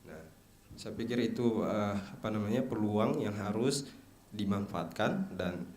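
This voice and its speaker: A man's voice: fairly low pitch, unhurried, darkish tone, echoey room, a little hiss or hum. A man, an academic guest on a radio show, speaking hesitantly with many fillers. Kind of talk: radio interview.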